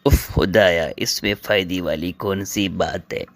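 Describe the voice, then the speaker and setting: A man's voice: deep voice, fairly even intonation, no room sound. A young man playing an impatient brother who brushes off his family to keep working in a comedy skit. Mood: mocking. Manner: impatient, exasperated. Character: impatient young man, dismissive, busy with work.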